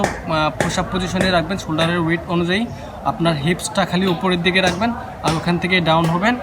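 A man giving instructional workout narration as a fitness instructor, explaining things directly to the viewer. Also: high-pitched. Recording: loud urban ambient noise.

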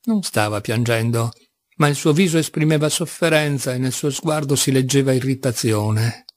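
A man reading a classic novel aloud as audiobook narrator, in measured, even storytelling. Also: mid-range voice, no room sound.

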